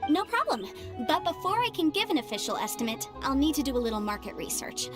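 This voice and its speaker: A shrewd young female legal adviser speaks in a high voice with lively, swooping delivery, articulate, formal and self-assured like a game heroine. The mood is brisk and professional, and this video game dialogue plays under loud background music.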